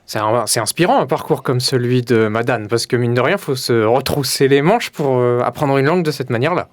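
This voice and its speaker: A man hosting a radio interview in the studio, asking his guests questions in a brisk, friendly way. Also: mid-range voice, no echo. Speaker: radio host.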